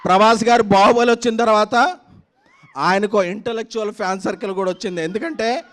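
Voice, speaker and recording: A man's voice: high voice, steady tone, fairly quick, a bit bright. A man giving a rousing promotional stage speech, emphatic and declamatory, building in punchy repeated phrases. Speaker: film producer giving a speech. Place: on stage at a film promotion event.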